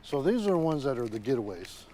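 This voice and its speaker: A man's voice: mid-range voice, sing-song, quick pace, warm tone, a little hiss or hum. Matter-of-fact sheriff man. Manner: matter-of-fact, explains with figures. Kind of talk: documentary interview.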